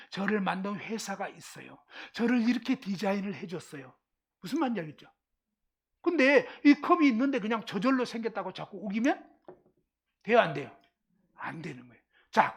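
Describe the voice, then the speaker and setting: With a fairly high-pitched voice, this middle-aged woman from the Korean countryside teaches an energetic Bible lesson to a live class. She keeps asking questions to make sure everyone follows along.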